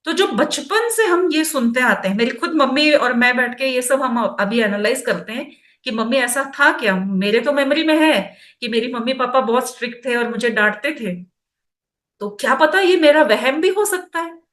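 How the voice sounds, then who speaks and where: A woman's voice: high-pitched, animated, normal speed, fairly bright tone. A middle-aged woman teaching personality development in a chatty self-help talk, mixing in English phrases. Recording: roomy echo.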